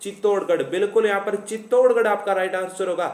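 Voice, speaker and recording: High-voiced Rajasthani teacher, playful and repetitive. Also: male voice, quick pace, darkish tone, reverberant. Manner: playful, repeats lines, plays students' answers himself. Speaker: exam-prep teacher. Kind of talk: live online class.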